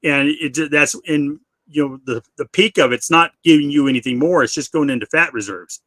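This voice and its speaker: A man's voice: a little high, a little fast, pushed and bright, no echo. A middle-aged man hosting a live Q&A, chatting casually and often repeating or restarting his words. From United States. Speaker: live stream host.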